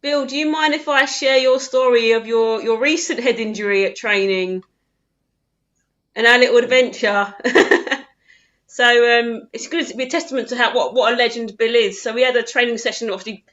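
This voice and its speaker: Young woman, bright voice, chatty, laughing, hosting, muffled audio. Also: fairly high pitch, normal speed. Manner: chatty, laughing, lively storyteller. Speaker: host, club physio. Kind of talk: casual chat.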